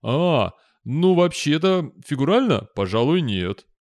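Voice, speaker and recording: A man voicing an anxious, flustered male studio owner who protests in a high, wavering whine. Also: big pitch swings, measured pace, a little mellow, no echo. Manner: whiny, protesting.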